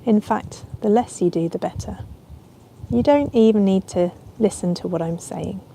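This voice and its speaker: Here a female yoga nidra instructor talks the listener through relaxation at a calm, gentle, unhurried pace. Her pitch is medium, and the recording carries ambient sound along with a little hiss or hum.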